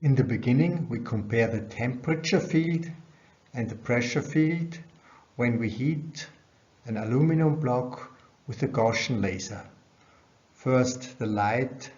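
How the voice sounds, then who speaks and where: Through dull, band-limited webcam audio, a middle-aged man delivers a slide-based scientific lecture at a conference. He sounds dull, with a medium-pitched voice that is a little mellow.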